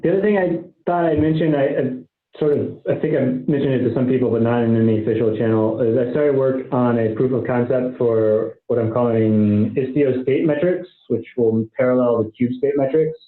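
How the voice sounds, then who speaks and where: A man's voice: medium pitch, moderate pace. Man, technical meeting call, thinks aloud, um fillers, restarts, phone-like sound, roomy echo. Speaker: software engineer presenting work. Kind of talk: technical working-group call. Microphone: online meeting call.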